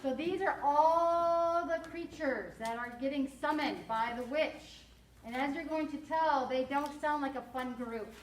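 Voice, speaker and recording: A woman's voice: high voice, unhurried. A woman teacher leading a class reading lesson, explaining words and quizzing her students. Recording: roomy classroom from far off.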